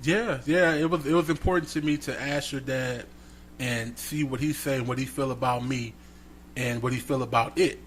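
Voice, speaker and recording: A man's voice: medium pitch, normal speed, slight background noise. A man co-hosting a podcast, telling a story in casual, slangy chat and acting out the people he quotes. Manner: animated, slangy, acts out quotes. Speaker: podcast co-host.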